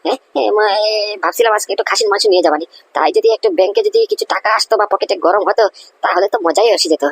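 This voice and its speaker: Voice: mid-range voice, expressive, racing, slightly rough. A performer voicing a hesitant, fawning young man in a cartoon comedy, hinting that he needs money. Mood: wheedling. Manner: hesitant, fawning, filler-heavy. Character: wheedling young male sidekick asking for money.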